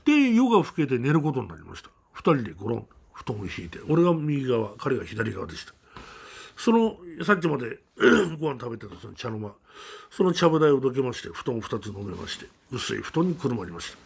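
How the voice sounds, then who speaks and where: A man telling a true ghost story aloud, dramatic, often dropping to a hush, with a gravelly, husky voice. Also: medium pitch, very animated, fairly quick. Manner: dramatic, with sudden drops to a hush.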